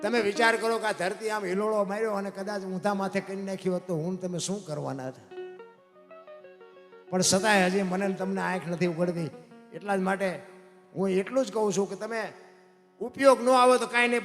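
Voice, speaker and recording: High-voiced man telling folk tales. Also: a little fast, fairly bright tone. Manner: homely, preachy, keeps calling listeners "bapu". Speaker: folk storyteller at a dayro. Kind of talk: folk stage storytelling talk. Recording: long hall reverb, faint music behind.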